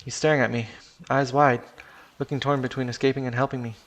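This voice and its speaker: A man's voice: medium pitch, little pitch movement, fast talker. Casual man narrating a first-person story. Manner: casual, swears, restarts sentences.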